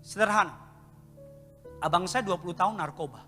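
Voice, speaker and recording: A man in his fifties preaching a sermon at a live church service, swinging between loud, impassioned outbursts and hushed, slow stretches. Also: high-pitched. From Indonesia. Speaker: pastor. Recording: live church recording with long reverb and music behind.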